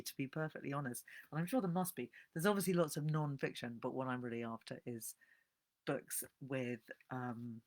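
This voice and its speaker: Woman chatting away on a live stream about books, lively, says hi to viewers. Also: extremely low pitch. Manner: chatty, animated, greets viewers as they join. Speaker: bibliotherapist hosting a live book talk.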